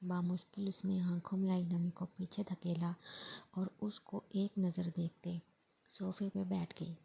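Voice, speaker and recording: A woman narrates a romance novel in a steady storybook reading. Her voice is low and flat, gravelly and heavily husky. The recording sounds dull and lo-fi. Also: measured pace.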